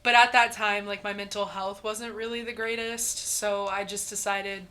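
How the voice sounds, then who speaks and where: A woman's voice: mid-range voice, level tone, normal speed, sharp tone. A woman in her twenties from Indiana, co-hosting a podcast in casual chat, blunt and laughing with frequent ums. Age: 20s. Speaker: podcast co-host.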